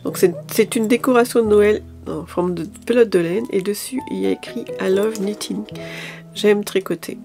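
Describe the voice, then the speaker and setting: A woman's voice: medium pitch, moderate pace, vocal fry, over music. A woman chatting casually through a shopping haul video, a little tired, hesitant, with many fillers and restarts. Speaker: lifestyle vlogger.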